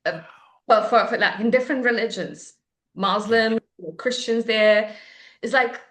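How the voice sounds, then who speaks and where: A woman's voice: a little high, fairly even intonation, unhurried, fairly bright tone. A woman from Tunisia, a native Arabic speaker with a North African, Tunisian accent, telling a personal story in conversation. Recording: roomy, echoey sound.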